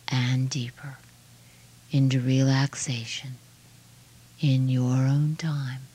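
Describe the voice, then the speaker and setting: A woman guiding a relaxation meditation in a soft, hushed, soothing voice with measured phrases that trail off breathily. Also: very deep voice. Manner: slow, measured phrases with long pauses. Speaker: relaxation guide.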